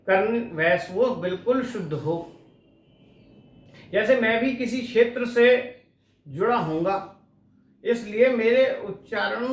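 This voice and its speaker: A man with a strikingly high voice gives an exam-prep lecture, explaining step by step. He poses questions to the class and answers them himself, drawing out the words he stresses. He sounds set back from the mic in a roomy, echoing space. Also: distant mic. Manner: slow, deliberate explaining with drawn-out stressed words. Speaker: Hindi linguistics teacher. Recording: echoey room, voice away from the mic.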